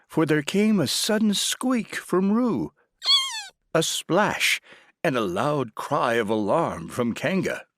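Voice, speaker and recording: A man narrating a children's audiobook with an expressive, animated reading. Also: a little high, slow pace, noisy background.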